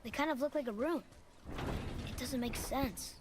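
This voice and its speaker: A man's voice: extremely high pitch, moderate pace, noisy background. A young male actor playing a curious, earnest boy, a warrior's son, in a video game, eager and questioning. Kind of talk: cinematic video game acting.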